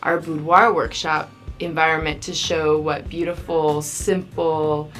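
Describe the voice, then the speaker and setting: A woman's voice: low-pitched, little pitch movement, measured pace, fairly bright tone, faint music behind. A woman photographer chatting enthusiastically in an interview confessional.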